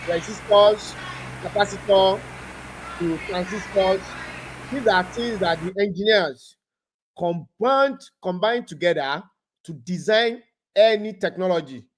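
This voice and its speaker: A man with a high voice presents a webinar lecture as a guest over a video call. He speaks haltingly, often repeating words as he restarts, with background noise audible.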